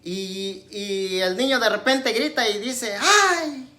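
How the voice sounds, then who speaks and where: Woman, preacher, conversational sermon, emphatic questions, quiet asides, mid-range voice. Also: slow pace. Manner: conversational, tags nearly every phrase with a questioning aside; swings between raised emphatic questions and low asides.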